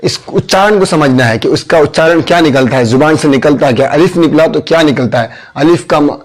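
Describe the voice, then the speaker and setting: A man's voice: a little high, fairly quick. A man teaching the alphabet as a spoken lesson, patiently repeating each letter and its sound step by step. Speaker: Urdu teacher.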